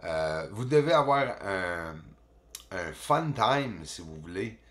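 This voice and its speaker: A man whose native language is English, speaking French with a Quebec accent as a channel host, giving casual, animated commentary over video footage. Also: low-pitched, slow pace. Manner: animated, exclaiming, chatty, peppered with filler words.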